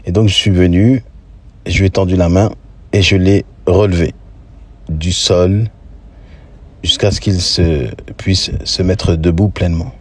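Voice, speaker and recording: A man telling a personal story in a casual, reflective way, often pausing to search for his words. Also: deep voice, fairly even intonation, slightly rough.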